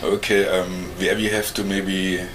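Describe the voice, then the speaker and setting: Deep-voiced German man recalling his youth. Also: flat delivery, a bit bright, a little hiss or hum, rough recording. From East Germany. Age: 40s. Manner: halting, searching for English words, chuckles often. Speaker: interviewee. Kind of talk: oral history interview.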